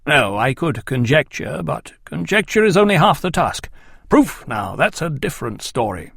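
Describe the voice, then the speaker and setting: A man's voice: a little high, big pitch swings, normal speed, creaky, fairly bright tone, husky, no echo, clean studio sound, exaggerated voice. A man voicing a brusque, impatient male detective. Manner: curt, impatient.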